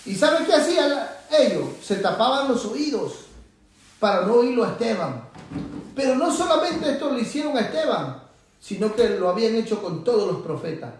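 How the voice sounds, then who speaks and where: A man's voice: high-pitched, expressive, normal speed, slight background noise. A man preaching a sermon to a congregation, emphatic and exhorting, his voice climbing as he drives a point home. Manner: emphatic, rising to loud exhortation. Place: church hall. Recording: echoey room, from far off.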